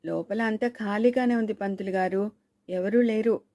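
Fearless easygoing village lad for an audiobook, blunt and relaxed, read by a woman, warm dry tone. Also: mid-range voice, moderate pace, no echo, close to an everyday voice. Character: carefree sleepy young village man, fearless.

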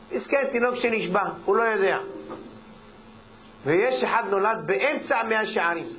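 A man, a rabbi, giving a humorous sermon, telling a parable and acting out its characters in quick back-and-forth dialogue. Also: sits high, a bit bright, slight background noise.

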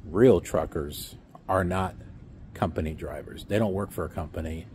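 Holding his phone at arm's length beside a block wall outside, a middle-aged man who vlogs about trucking rambles sarcastically, filler after filler. He has a deep, slightly mellow voice at a moderate pace, with slight background noise.

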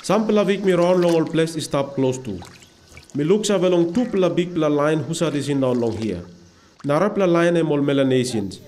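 A man's voice: on the high side, animated, a little fast, a little mellow. A man reading a scripted first-person account for a documentary. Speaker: reader of a historical figure's letters. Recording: background noise with insects.

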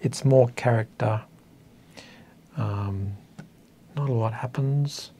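A man in his fifties from northern coastal New South Wales, Australia, an author being interviewed, talks in a casual, reflective way inside a small indoor meeting room. His mid-range voice is dark in tone and slow, and his hesitant, thoughtful speech carries a self-deprecating air.

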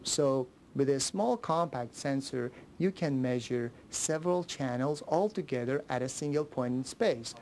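A man in his thirties or forties, a researcher, explaining his work haltingly in an interview. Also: medium pitch, a little mellow, slight background noise. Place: small book-lined office. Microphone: handheld interview microphone.

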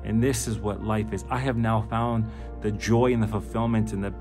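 A man's voice: on the low side, fairly even intonation, moderate pace, over music. A middle-aged man giving a fervent, emphatic personal testimony that turns into pleading exhortation. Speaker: speaker giving a faith testimony.

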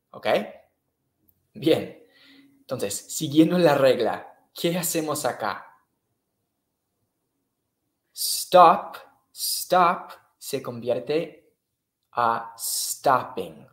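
A man's voice: mid-range voice, roomy sound. A man teaching English in a live online class, patiently repeating and checking in with the students. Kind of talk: live-streamed online lesson.

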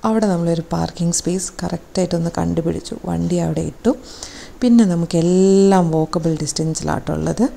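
Gravelly low-voiced Malayali woman vlogger. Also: fairly even intonation, fairly quick, mellow, slight background noise. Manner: chatty, rambling, with many self-corrections. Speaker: travel vlogger. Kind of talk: casual travel narration.

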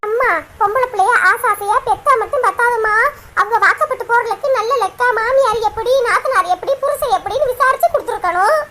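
Cartoon woman as a squeaky young wife, Kanyakumari Tamil, chatty and sulky. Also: fast talker, bright, forceful tone. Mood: aggrieved. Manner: chatty, aggrieved storytelling. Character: young married woman, sulking, lazy, complaining. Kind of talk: cartoon voice acting.

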